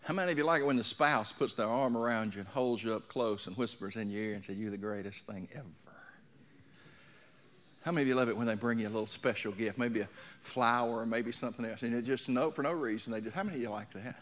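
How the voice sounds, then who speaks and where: A man's mid-range voice comes across quick and fairly bright. In his sixties, he's a pastor giving a folksy sermon to his congregation, weaving in anecdotes and putting questions to the people listening.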